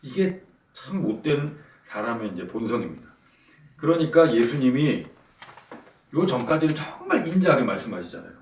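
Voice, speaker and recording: A man's voice: medium pitch, very animated, normal speed, a little mellow, slight background noise. A male pastor giving a conversational video sermon who acts out quoted lines with rising emphasis. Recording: roomy, from some distance off the mic.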